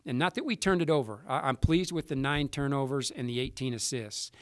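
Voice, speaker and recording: A man in his forties, a basketball coach answering reporters after a game at a table mic, measured and halting with many restarts. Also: medium pitch, dry recording, clean studio sound. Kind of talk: post-game press conference answers. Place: press room with sponsor backdrop. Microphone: table mic in front.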